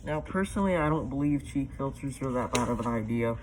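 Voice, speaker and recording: A man's voice: medium pitch, lively intonation, fairly quick. A man giving a casual product review, his voice muffled because he is talking through a gas mask. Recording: clear background noise, muffled by mask.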